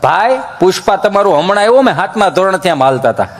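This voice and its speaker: A man telling animated comic folk stories live on stage. His voice sits high and bounces along. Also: quick pace, heavy background noise. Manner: animated, lively storyteller voice. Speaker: folk comedian. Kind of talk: live stand-up folk storytelling.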